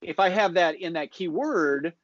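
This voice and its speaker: A man's voice: on the high side, normal speed, no echo. Man as podcast marketing guest, easygoing explanations, dry lo-fi recording. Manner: relaxed, explanatory, restarts often. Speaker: social media marketing guest. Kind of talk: casual advice chat. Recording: dull lo-fi audio.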